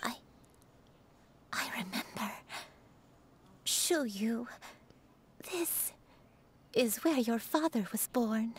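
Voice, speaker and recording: A woman voicing a frail, gentle elderly grandmother in a video game, speaking softly and often in a breathy hush. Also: a little high, expressive, full character voice. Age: older. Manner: soft-spoken, slow, often breathy and hushed. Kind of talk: game voice acting.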